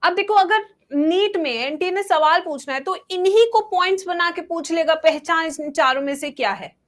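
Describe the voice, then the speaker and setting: A young woman teaching biology for an exam, mixing Hindi and English, slowly dictating table entries and then breaking into quick asides to her students. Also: very high-pitched, a bit bright.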